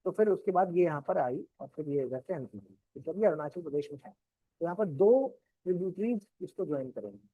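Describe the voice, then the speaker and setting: A man's voice: fairly high pitch, animated, fairly quick, slightly rough, no echo. A male teacher with a Hindi accent giving a classroom geography lecture, explaining step by step, checking in with his students and asking them questions. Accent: Indian Hindi. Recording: dry, dull lo-fi classroom recording.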